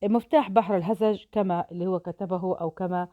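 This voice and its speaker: Woman teacher dictating poetic meter slowly. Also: fairly low pitch, fairly even intonation, no echo, narrow, tinny audio. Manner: slow syllable-by-syllable dictation. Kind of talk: recorded grammar lesson on poetic meter.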